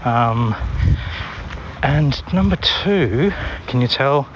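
A man's voice: medium pitch, animated, extremely slow. A tired Australian man leaving a wry, teasing voicemail message while walking home outdoors. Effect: voicemail message played back. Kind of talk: casual joking chat. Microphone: phone. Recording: dull voicemail with loud traffic noise. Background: street and vehicle noise.

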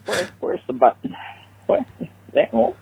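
A man leaving a rambling, halting voicemail, heard over a phone line. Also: high-pitched, very animated, vocal fry, warm tone, slight background noise. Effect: voicemail message played over a phone line. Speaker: caller. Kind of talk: casual voicemail.

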